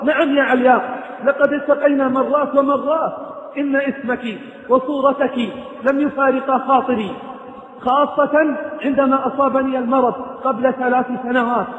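A man voicing a gravely ill woman who speaks with heavy regret, as part of a preached story. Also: extremely high pitch, steady tone, normal speed, a bit bright. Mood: regretful. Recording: echoey hall reverb.

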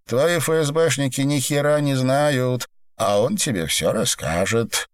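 A man's voice: medium pitch, measured pace, clean tone, no echo, clean studio sound, voice pushed up, natural voice. A man reading an audiobook and voicing a brash, impatient, foul-mouthed male boss. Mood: jovial. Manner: loud, coarse, bossy.

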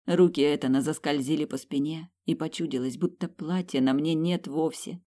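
A woman's voice: low voice, steady tone, normal speed, dark tone. A woman narrating a novel in the first person, with an emotive delivery that rises on exclamations and quoted lines. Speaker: audiobook narrator.

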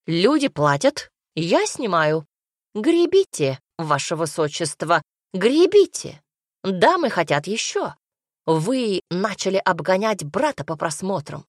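A woman's voice: on the low side, very animated, measured pace, dry recording, clean studio sound. A woman doing a bossy male gnome director. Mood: frantic, pushy. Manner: barking commands, pushy.

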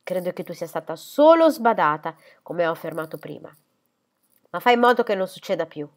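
A woman's voice: lowish voice, big pitch swings, fairly quick. A woman reading aloud, voicing a stern middle-aged father who speaks curtly and dismissively.

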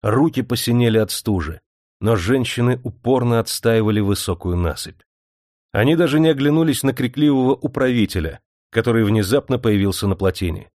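A man's voice: medium pitch, dry recording. Male audiobook narrator, dry close voice. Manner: steady, measured storytelling. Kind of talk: scripted narration. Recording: dry studio audiobook recording.

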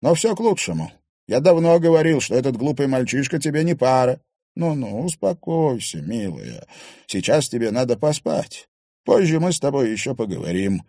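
A man reading an audiobook, voicing a controlling middle-aged father who speaks with false gentleness. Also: medium pitch, big pitch swings, normal speed, no echo, clean studio sound, pitched above the performer's own voice. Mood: soothing.

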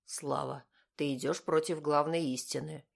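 A woman voicing a snide grown man who needles his friend in a low, quiet voice. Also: steady tone, moderate pace, creaky, exaggerated voice.

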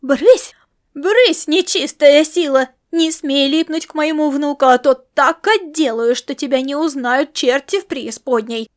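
Woman voicing a shrill furious old grandmother. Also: fairly even intonation, unhurried. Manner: shrill scolding, turns to sobbing and whispers. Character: fierce superstitious old grandmother, quick to anger. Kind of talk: audiobook character voice.

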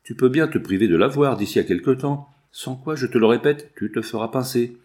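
A man's voice: medium pitch, fairly quick, darkish tone, lightly acted. A man reading the part of an ironic, worldly husband who lectures his friend, in an audiobook character reading. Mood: lecturing. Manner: teasing, lecturing, lightly ironic.

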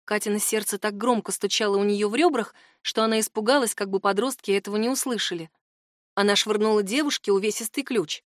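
A woman's voice: mid-range voice, fast talker, dry recording. Woman narrating an audiobook, dry sound. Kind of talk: scripted narration.

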